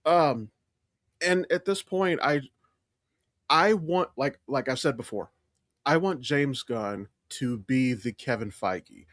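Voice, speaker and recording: Clean studio sound with no room echo carries this podcast co-host's medium-pitched, slightly bright voice as he speaks slowly. Commenting on films in casual chat, he's blunt and opinionated and curses freely.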